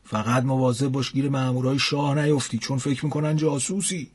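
A man voicing a gruff, mustached local man who gives a matter-of-fact warning in a told story. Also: mid-range voice, steady tone, close to an everyday voice.

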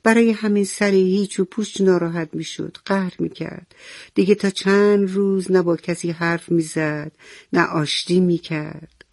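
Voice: medium pitch, fairly even intonation, vocal fry, darkish tone, dry recording. A storyteller narrating a children's story, speaking directly to the young listeners and asking them questions.

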